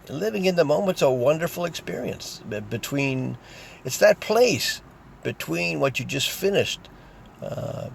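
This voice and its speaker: A man's voice: mid-range voice, gravelly, slight background noise. An older man hosting a recovery show, speaking in an earnest motivational talk with lots of repetition. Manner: earnest, repetitive, drawn-out urging. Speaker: recovery radio show host.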